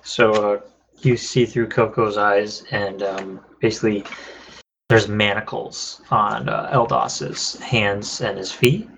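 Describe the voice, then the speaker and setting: A man runs a tabletop game as game master. His voice is gravelly and his narration is loose and casual, full of fillers. A faint hiss of noise sits under the recording. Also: on the low side, fairly even intonation, takes it slowly, fairly bright tone, poor audio.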